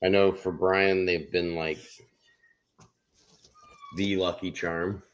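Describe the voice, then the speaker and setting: A man's voice: sits low, level tone, slow pace, clean tone, dull audio. A man hosting a livestream and chatting casually. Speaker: livestream host. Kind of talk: casual chat.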